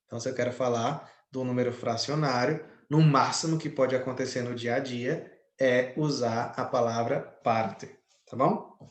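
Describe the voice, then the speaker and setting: A man's voice: medium pitch, steady tone, moderate pace, echoey room. A man teaching an online lesson, explaining step by step and often checking in with his students. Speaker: Spanish teacher.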